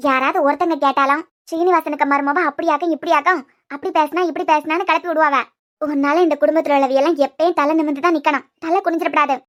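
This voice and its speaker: A woman voicing a gentle elderly grandmother in a cartoon series, speaking with a Kanyakumari accent in a coaxing, motherly, scolding way. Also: high-pitched, steady tone, fast. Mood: soothing. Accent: Kanyakumari Tamil. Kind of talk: cartoon web series voice acting.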